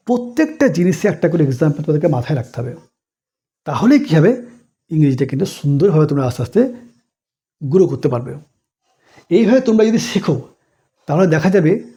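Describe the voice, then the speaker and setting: A man teaching a basic grammar lesson, explaining slowly, asking questions and answering them himself, and recapping points in lists. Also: on the high side, mellow. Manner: recaps points in a repetitive list. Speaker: English teacher.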